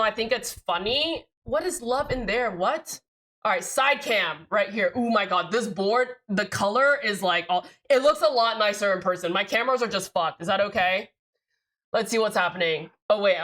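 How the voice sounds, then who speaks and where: A woman's voice: medium pitch, a bit bright, poor audio. A woman livestreaming, chatting casually and rambling to her chat, swearing freely.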